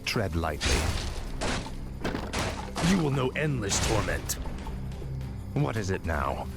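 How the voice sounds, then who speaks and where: Game villain: ancient rasping undead king. Very deep, slow, cold, commanding; loud music underneath. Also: sing-song, full character voice. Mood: cold menace. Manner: slow, ominous, commanding, contemptuous. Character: ancient undead death knight king, cold, menacing, imperious. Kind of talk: fantasy video game unit voice lines.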